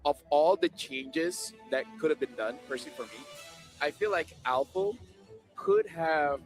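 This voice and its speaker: A man's voice: fairly high pitch, expressive, measured pace, soft background music. A young man from Malaysia, an esports caster giving analysis on a live desk and restarting phrases as he thinks.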